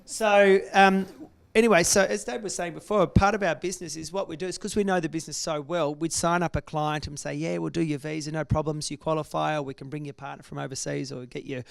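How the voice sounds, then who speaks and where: A man's voice: on the high side, steady tone, fast, gravelly, hardly any pauses, no echo, studio quality. A man, a business owner telling candid stories to an audience with many restarts. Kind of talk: casual talk to an audience.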